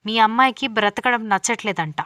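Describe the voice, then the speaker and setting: A woman's voice: on the high side, fairly quick, pushed and bright, no room sound, clean studio sound. A woman voicing a young husband who speaks sarcastically. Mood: sarcastic.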